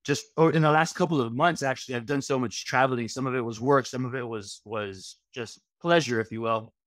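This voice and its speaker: A man's voice: medium pitch, a little fast, a bit bright, dry recording, studio quality. A middle-aged man from Miami, a registered dietitian, chatting as a guest over a video call on a headset, rambling through long lists with frequent fillers. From Miami, USA. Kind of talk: casual interview chat. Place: home room, video call.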